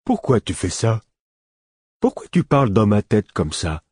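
A man's voice: lowish voice, big pitch swings, a little slow, darkish tone, breathy edge, no echo, studio quality, voice pushed up, exaggerated voice. A man voicing a grubby, simple-minded male servant who speaks in short, blunt, childlike sentences. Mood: blunt, sullen.

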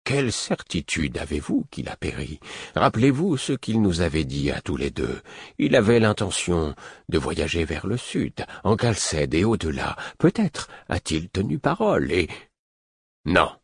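Man doing an old man, voice choked and strained, deep and husky, dry recording. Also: very animated, measured pace, no room sound, full character voice. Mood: urgent doubting. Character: old man, close friend, choked with emotion.

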